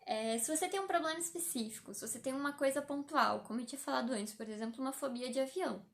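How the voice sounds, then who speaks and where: A woman's voice: high-pitched, fairly bright tone. A young Brazilian woman, a psychologist, talking casually and explaining things on a live stream, with lots of fillers. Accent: Brazilian Portuguese. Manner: chatty and explanatory, with many fillers.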